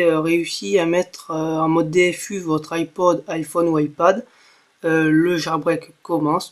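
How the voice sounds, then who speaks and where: A man's voice: a little high, darkish tone. A man narrating a casual tech tutorial, hesitating often with fillers and saying "voilà" after each step. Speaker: tech blogger giving a tutorial.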